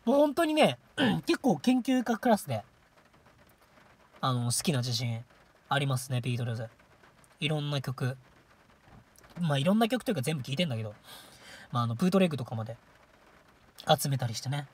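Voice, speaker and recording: A woman's voice: rumbling low, big pitch swings, a little fast, pauses often, a little mellow, slightly rough. A woman hosting a solo livestream radio show, chatting casually in a rambling, self-mocking way. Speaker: streaming radio host.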